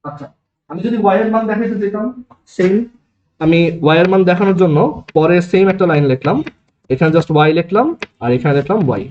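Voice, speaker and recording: A man with a Bangladeshi Bengali accent lectures a room of students, walking them through each step and checking they follow. His voice sits high. The room is echoey and the recording sounds dull and lo-fi. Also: quick pace. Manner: explains step by step, asks the class checking questions. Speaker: programming teacher. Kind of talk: classroom lecture. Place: classroom.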